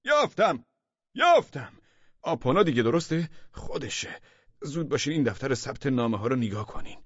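A man voicing a triumphant male section head who talks in a shouted, excited way. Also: medium pitch, slightly rough, dry recording, dull audio, voice pushed up.

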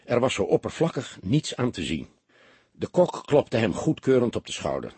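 A man narrating a detective audiobook in an expressive storytelling manner. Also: medium pitch, normal speed, breathy edge, no echo.

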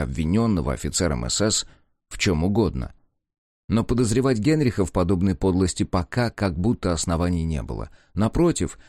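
A man's voice: on the low side, a little mellow, no room sound, clean studio sound. A man narrating an audiobook.

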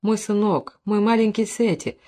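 A woman's voice: fairly even intonation, moderate pace, mellow, close to an everyday voice. Woman voicing a distraught wailing mother. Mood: anguished. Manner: shrill, wailing, frantic.

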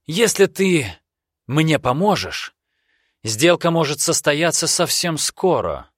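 A man's voice: a little high, sing-song, slow, no echo, clean studio sound, pitched above the performer's own voice, full character voice. A man voicing a desperate, defiant young nobleman who speaks in a strained, raised and emphatic way.

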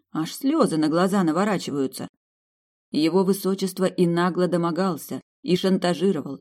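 A woman reads a fantasy romance audiobook in the first person. Her voice is low and deep. She tells it with a lively, ironic touch. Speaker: audiobook narrator. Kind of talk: scripted first-person narration.

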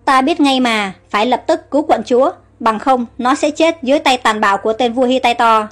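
High-voiced fierce warrior queen, read by a woman, commanding and urgent. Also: fairly quick, soft background music, lightly acted. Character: proud fierce young Amazon warrior queen.

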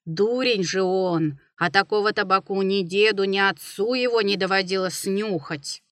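A woman's voice: medium pitch, moderate pace, a bit bright, dry recording, clean studio sound, lightly acted. A woman voicing a stubborn old village grandfather who grumbles to himself, in a storybook reading. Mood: grumbling.

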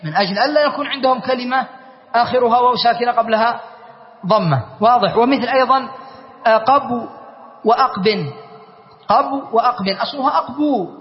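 A man with a very high voice gives a grammar lesson, quizzing students as he spells out word forms. His voice rings in a long hall reverb, and the recording is dull and muffled. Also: fast talker. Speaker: teacher of Arabic grammar.

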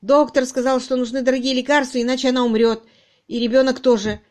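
A woman's voice: high voice, level tone, quick pace, a little mellow, pitched above the performer's own voice, lightly acted. A woman reading an audiobook, voicing a frightened young male constable who begs and pleads. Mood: confessing. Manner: pleading, desperate.

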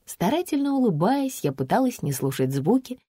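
Woman narrator, lively ironic storytelling, swooping expressive pitch, dry close voice. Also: moderate pace, husky, no echo. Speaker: audiobook narrator.

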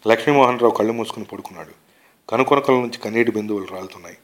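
A man reading a short story aloud in a measured, unhurried way. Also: lowish voice. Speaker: reader of short stories. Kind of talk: literary narration.

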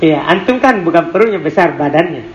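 In an echoey room with faint background noise, a man teaching Arabic morphology reads a text, translates it, and questions his class in call-and-response style. His voice is on the high side, animated and brisk, though the recording is muffled.

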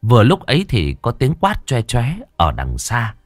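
Playful male comic storyteller, lively delivery. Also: medium pitch, normal speed, dry recording, clean studio sound. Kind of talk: comic folk-tale narration.

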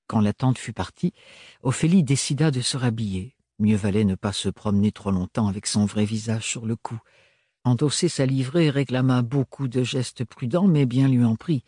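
Husky male audiobook narrator. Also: medium pitch, dark tone, dry recording, studio quality. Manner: measured, literary reading. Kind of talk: scripted narration.

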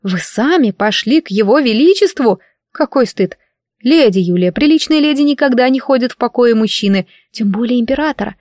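A woman's voice: on the high side, expressive, fairly quick, darkish tone, dry recording, clean studio sound, voice pushed up, close to an everyday voice. A woman voicing a gossipy, prim, wide-eyed young maid with a chirpy, scandalized manner in an audiobook reading.

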